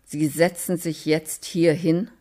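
A blunt helper fires short, commanding questions, as a reader voices the lines. The delivery is slow and measured, with little change from the narration. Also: mid-range voice, little pitch movement, a little mellow, close to an everyday voice. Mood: terse. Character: blunt, insistent social helper named Blond.

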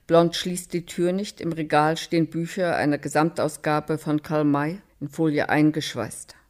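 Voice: mid-range voice, fairly even intonation, normal speed. A narrator reading a scripted audio description in a matter-of-fact way.

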